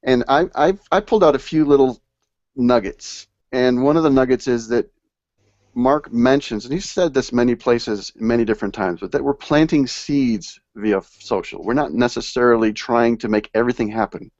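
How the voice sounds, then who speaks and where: A man's voice: mid-range voice, moderate pace, darkish tone, no echo, muffled recording. Man hosting a video-call panel. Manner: reads passages aloud and stresses key words. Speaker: host of a live online panel.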